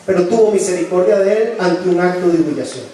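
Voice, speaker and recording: High-voiced preacher in an echoing church. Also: male voice, quick pace, warm tone, recorded from a distance. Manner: earnest storytelling, shifts voice for quoted speech. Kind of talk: sermon. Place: church hall. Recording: very echoey church from afar, faint noise.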